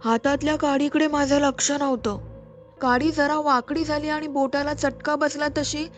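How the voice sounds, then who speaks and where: Woman storyteller with a high voice, measured and suspenseful over soft music. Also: level tone. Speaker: storyteller and podcast host. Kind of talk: scripted story narration.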